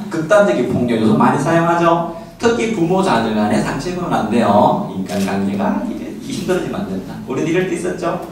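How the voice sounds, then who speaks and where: Male parenting lecturer, animated and higher-pitched, heard from far off in a very echoey hall. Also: background noise. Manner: lively, acts out quoted parents and children; laughing often with the audience.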